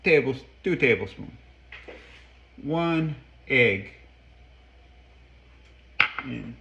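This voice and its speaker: A man cooking at home in his kitchen, talking through a recipe in a chatty, halting way with playful mock-Italian phrasing. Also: medium pitch, expressive, vocal fry, echoey room, highs cut off, background noise. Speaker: home cook. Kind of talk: casual cooking demonstration.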